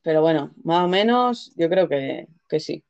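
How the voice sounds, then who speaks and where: In a casual chat, a Mallorcan woman teaches local expressions and laughs often. Her voice is low, animated, somewhat slow and mellow, and the recording's highs are cut off.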